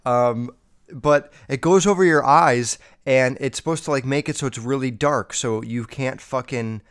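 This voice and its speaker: Feeling sick and sounding a little nasal, a young man rambles through his casual solo podcast with lots of swearing and fillers. His mid-range voice is clear and resonant, at a measured pace, recorded on a podcast microphone.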